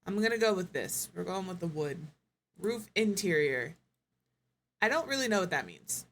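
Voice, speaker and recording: A woman's voice: lowish voice, very animated, normal speed, a little hiss or hum. A woman streamer giving casual live gameplay commentary, thinking aloud, musing and correcting herself as she goes.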